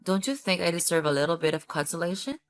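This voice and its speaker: Cold, skeptical ex-wife, acted by a woman, low-pitched. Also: lively intonation, quick pace, soft background music. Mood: dry sarcasm. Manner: cold, curt, dry. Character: cool, skeptical, sarcastic betrayed ex-wife. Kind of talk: scripted story dialogue.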